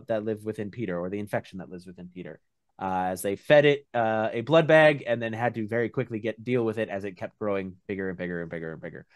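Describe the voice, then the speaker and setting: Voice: medium pitch, no room sound, studio quality. A game master casually narrating a tabletop game recap in a hesitant, rambling way.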